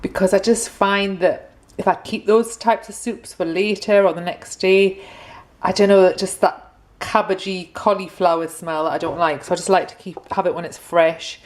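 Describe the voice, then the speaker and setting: A woman's voice: on the low side, steady tone, normal speed. Chatty British woman cooking at home. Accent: British English. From Britain. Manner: chatty, self-correcting and homely. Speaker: vlogger. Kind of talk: casual cooking vlog.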